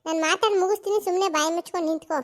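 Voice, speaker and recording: A melodramatic middle-aged cartoon wife who whines, wails and bosses people around. Her voice is squeaky and very high. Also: steady tone, very fast. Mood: scolding. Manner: whiny, melodramatic. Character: dramatic middle-aged wife, wailing complainer.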